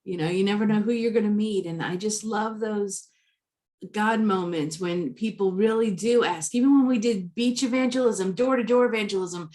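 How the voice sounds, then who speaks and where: A woman's voice: medium pitch, moderate pace, a little mellow. A woman hosting an interview, reacting to her guest with enthusiastic praise and sharing her own similar experiences. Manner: effusive, enthusiastic responses. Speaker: host.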